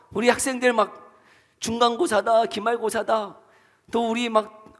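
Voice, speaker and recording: A man preaching a sermon as pastor, firing rhetorical questions at his congregation and swinging between loud emphatic lines and quiet low ones. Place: church sanctuary. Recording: long reverb of a church hall.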